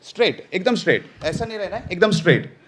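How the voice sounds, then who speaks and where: A man teaching a live voice-over workshop in an animated, emphatic and playful way. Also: high-pitched, fast talker, a little hiss or hum. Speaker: voice-over trainer.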